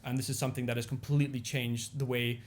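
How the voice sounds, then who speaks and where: A young man whose first language is Indonesian, a business owner, chats casually as a guest on a podcast, often repeating himself in halting phrasing with frequent "you know" and "like." His voice is medium-pitched and level. He sits on a couch in a small indoor podcast studio, speaking into a boom-arm studio mic with a pop filter.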